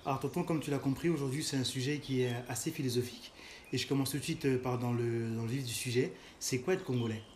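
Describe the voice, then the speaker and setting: A man's voice: medium pitch, fast, darkish tone, a little hiss or hum. A man hosting a casual interview, asking questions and murmuring agreement with many fillers. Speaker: podcast host. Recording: echoey room with faint music.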